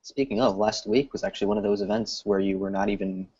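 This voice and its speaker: A man's voice: on the low side, fairly even intonation, quick pace, mellow, a little hiss or hum. A man co-hosting a casual live stream, chatty and teasing toward the host. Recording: dull lo-fi stream audio.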